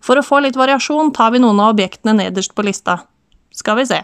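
Woman reading a brisk Southern Norwegian male auctioneer for an audiobook, chatty wry patter, dry studio sound. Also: very high voice, a bit bright, clear, resonant tone, no echo.

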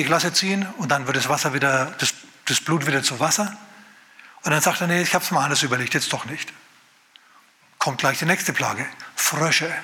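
A man preaching a sermon as pastor, telling a story with lively gestures in his voice and acting out quoted lines. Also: a little high, long reverb tail.

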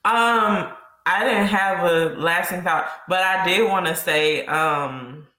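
A woman's voice: fairly low pitch, takes it slowly, sharp tone. A young adult woman chatting casually on a live stream, rambling and sentimental and laughing often. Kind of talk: casual chat. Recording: echoey room.

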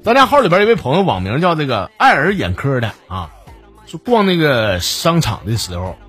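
Lively Northeastern Mandarin man. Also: fairly high pitch, a little fast, husky, soft background music. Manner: chatty, teasing, stumbling restarts. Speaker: host reading listener stories. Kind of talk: comic storytelling.

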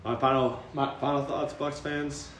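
A man on a sports podcast panel, chatting casually in a low-key way with dry quips. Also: level tone, moderate pace, a bit bright. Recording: roomy, off-mic, faint noise.

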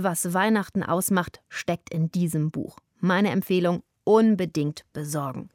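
A woman's voice: mid-range voice, no echo, studio quality. A woman in her thirties recommending a children's Christmas book to viewers in a chatty way, now and then reading passages aloud. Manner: lively and chatty, addressing viewers.

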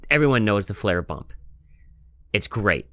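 Swearing man with a smooth, low voice. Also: big pitch swings, a little slow, pushed and bright, no room sound. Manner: profane, emphatic, rambling. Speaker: podcast host. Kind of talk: casual chat.

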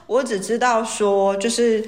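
A woman's voice: fairly high pitch, fairly even intonation, unhurried, darkish tone. A woman with a Taiwanese Mandarin accent speaking as a guest in a casual conversation about work. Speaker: guest talking about her job. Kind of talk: casual chat.

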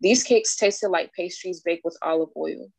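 Low-voiced woman reading scripture, dry close sound, steady delivery. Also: moderate pace, gravelly, husky, no echo, low-quality recording. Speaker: scripture reader in a study group.

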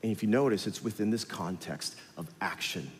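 A male pastor giving a sermon, telling the story with lively, animated delivery and acting out the characters. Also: lowish voice, brisk. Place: large church hall. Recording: hall reverb with faint music.

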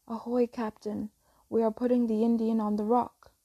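A woman's voice: a little high, little pitch movement, normal speed, slightly rough, lo-fi sound. A woman voicing an obedient male pirate deckhand who calls out across the water. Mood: eager.

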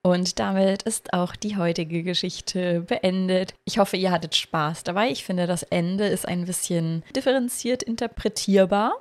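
A woman's voice: on the low side, a little slow, hardly any pauses, a little mellow, dry recording. Woman reading a story in a dry room. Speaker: story reader and podcast host. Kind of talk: reading a short story aloud.

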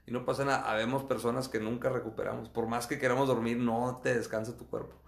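A man talks fast and openly, tripping over and restarting his words as he goes. His pitch sits in the middle range for a man. The recording carries a noticeable room echo. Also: flat delivery, vocal fry. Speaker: guest sharing his own experience. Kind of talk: candid conversational interview.

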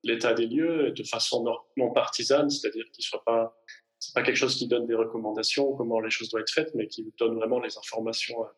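A man's voice: medium pitch, level tone, a little fast, poor audio. A man in his thirties from the French Alps, a climate scientist answering interview questions with many fillers and restarts. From Hautes-Alpes, France. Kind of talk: podcast interview.

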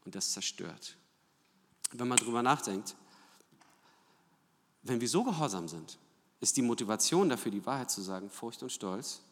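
A man's voice: mid-range voice, animated, moderate pace, pauses often, slight background noise. A man preaching a sermon, asking rhetorical questions and often checking in with "ja?". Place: church hall. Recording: long church hall reverb.

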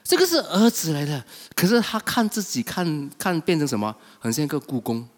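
A man preaching a sermon, animated storytelling with many fillers, acting out quotes. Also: a little high, a little fast. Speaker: pastor. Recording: reverberant hall.

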